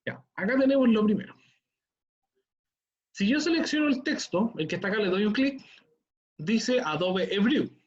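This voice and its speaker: A man's voice: high-pitched, expressive, moderate pace, long pauses. A man, a teacher giving an online class tutorial and explaining each step patiently while checking in with his students. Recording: dull lo-fi computer audio.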